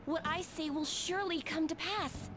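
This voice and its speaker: A woman's voice: very high-pitched, moderate pace, over music. A woman playing an earnest young street fortune teller in a video game, foretelling in a solemn, polite manner. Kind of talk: English video game voice acting.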